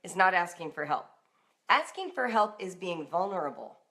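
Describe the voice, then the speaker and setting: Her fairly low voice swings widely in pitch, pushed and bright at normal speed. This middle-aged American woman is a parenting and homeschool coach leading an informal live talk, speaking to parents directly and emphatically, conversation-style.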